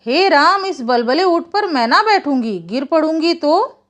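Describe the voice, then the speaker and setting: A woman's voice: sits high, sing-song, measured pace, a bit bright, exaggerated voice. A woman voicing a sly female fox who coaxes villagers in a sing-song rhyme. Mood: fussy. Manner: sing-song rhyming wheedle, sweet and coaxing. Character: sly female fox, smooth-talking trickster.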